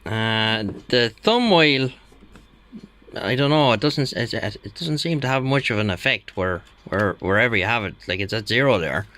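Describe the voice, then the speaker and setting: A man on the low side vocally, animated and sharp in tone, describes his radio restoration hobby work as he goes. He's unhurried and hesitant, muttering to himself at points, with slight noise in the background.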